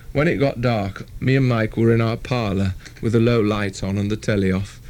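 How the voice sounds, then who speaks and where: Brief: low-voiced reader, wry and conversational, first-person narration. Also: male voice, darkish tone. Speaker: audiobook reader.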